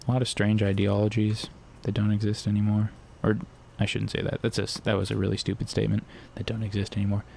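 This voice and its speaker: This young man streams games in a low, gravelly, slightly mellow voice, speaking fast with a completely flat delivery and hardly any pauses. His loose, rambling talk wanders through jokes and tangents, crude and offhand, while a faint hiss runs beneath the audio.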